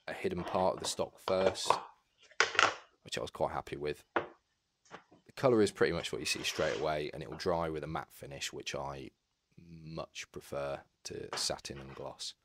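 Very deep-voiced man explaining woodwork. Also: noisy background. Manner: calm, practical, step-by-step advice. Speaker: woodwork tutorial narrator. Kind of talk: instructional voice-over.

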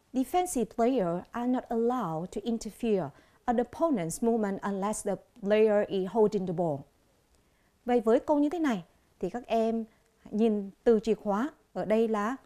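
Mellow-voiced Vietnamese woman teaching English. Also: fairly high pitch. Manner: slow, clear, repeats each word. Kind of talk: televised classroom lesson.

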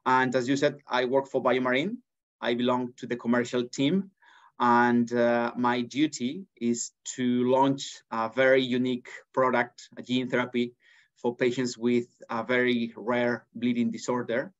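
A man's voice: mid-range voice, flat delivery, measured pace. A man in his thirties with a Spanish accent, talking earnestly as an interview guest from an office, with frequent restarts. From Spain. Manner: earnest, many restarts and fillers. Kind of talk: conversational interview. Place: office with large windows. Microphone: laptop webcam on a video call. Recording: dull lo-fi video call audio.

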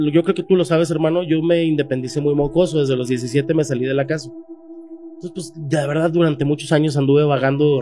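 A man's voice: on the high side, a little mellow. Slangy Mexican man telling a scary story. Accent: Mexican Spanish. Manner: slangy, emphatic, raises voice when quoting. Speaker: guest telling a paranormal story. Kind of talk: casual storytelling.

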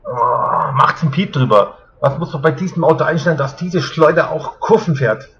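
A man's voice: a little high, normal speed, fairly bright tone, muffled recording. A man in a berserk, exasperated rage, swearing heavily as he commentates his own video gaming. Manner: berserk angry ranting, heavy swearing, exasperated. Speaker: gamer recording gameplay. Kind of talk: ranting video game commentary. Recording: clear game noise behind voice. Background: racing game sounds.

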